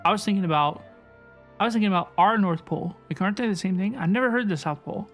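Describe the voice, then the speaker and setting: A livestreamer with a mid-range voice talks quickly and casually to viewers while playing a video game, rambling and reacting out loud in slang. Game music and dialogue play behind the voice.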